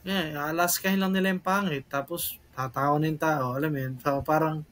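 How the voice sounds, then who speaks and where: A man's voice: on the high side, fairly even intonation, fairly quick, fairly bright tone. A man from the Philippines co-hosting a podcast in casual, rambling chat that keeps switching languages and breaks into laughs. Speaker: podcast co-host.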